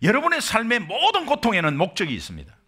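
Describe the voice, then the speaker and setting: A man's voice: high-pitched, wildly swooping pitch, quick pace, sharp tone, husky. A middle-aged man from Korea, a pastor preaching an impassioned sermon full of rhetorical questions.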